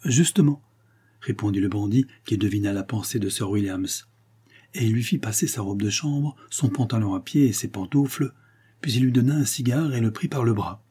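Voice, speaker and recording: A man narrating a classic novel as an audiobook, in a measured literary reading. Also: on the low side, mellow, breathy edge. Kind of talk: scripted narration.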